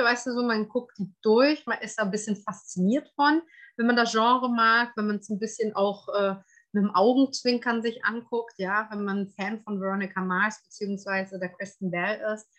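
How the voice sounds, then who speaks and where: A woman's voice: fairly high pitch, a bit bright. Chatty woman podcast co-host. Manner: chatty, many fillers and "ne?". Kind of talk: casual podcast review chat.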